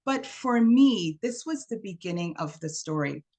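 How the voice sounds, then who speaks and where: Speaking over a video call, a workshop speaker in her fifties from Trinidad tells warm stories and acts out the quoted lines with expression. Her voice is medium in pitch and she keeps a measured pace.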